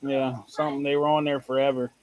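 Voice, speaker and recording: A man's voice: mid-range voice, level tone, fast, darkish tone, low-quality recording. A man co-hosting a live stream, chatting casually and answering in short, laconic replies. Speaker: co-host.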